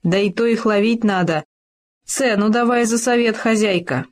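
A woman's voice: on the high side, moderate pace, voice pushed up, natural voice. A woman voicing a bold male hedgehog in a storybook, speaking bluntly and cockily. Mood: cocky. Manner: gruff, blunt, cocky.

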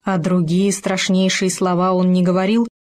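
A woman's voice: lowish voice, flat delivery, normal speed, darkish tone, close to an everyday voice. Woman doing Khoma, a caring strict hamster. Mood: concerned. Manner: worried, then stern.

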